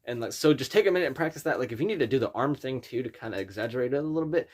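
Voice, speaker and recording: Male vocal coach, mid-pitched, informal and halting, talking through technique in a loose tutorial style. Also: expressive. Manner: informal, rambling, halting explanations. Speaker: scream vocal instructor. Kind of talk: casual spoken tutorial with vocal demonstrations.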